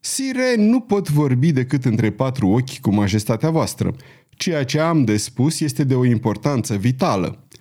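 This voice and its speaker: A fanatical monk, grim and intent, speaks in a firm, forceful voice with wide swings in pitch , as a man voices him in an audiobook. The tone stays mellow and dark underneath. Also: very animated. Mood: firm, urgent. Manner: firm, then hoarse and thunderous.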